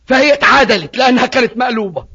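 A preacher with an Egyptian Arabic accent giving a passionate evangelistic sermon, alternating between loud appeals and hushed words. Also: male voice, very high voice, lively intonation, rapid-fire, gravelly, breathy edge. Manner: passionate, retells dialogues, swings from loud to hushed. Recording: muffled lo-fi recording.

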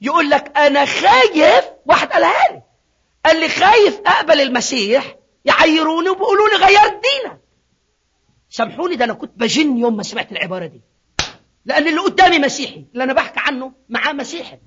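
A man preaching a sermon, swinging from hushed asides to shouted appeals. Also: very high voice, very animated, racing. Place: church in Sydney. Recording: dull lo-fi recording.

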